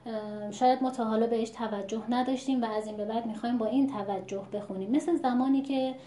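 A woman teaching Quran recitation in a measured, patient lesson, stopping to sound out words as examples. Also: on the high side, fairly even intonation, mellow. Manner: measured, patient, demonstrates pronunciations aloud. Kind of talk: explanatory lesson. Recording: echoey room.

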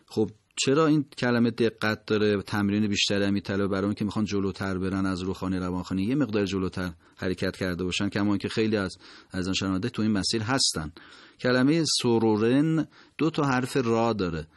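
A man's voice: on the low side, no room sound, studio quality. Man teaching Quran recitation. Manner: explains slowly, then chants words in drawn-out recitation. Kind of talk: recitation lesson.

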